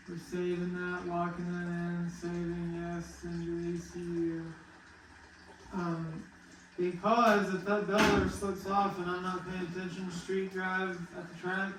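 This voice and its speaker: A man's voice: high-pitched, a little hiss or hum. A man casually explaining engine work as he goes, offhand and joking. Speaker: race car builder. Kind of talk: casual shop talk. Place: garage. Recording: echoey garage, far from the mic.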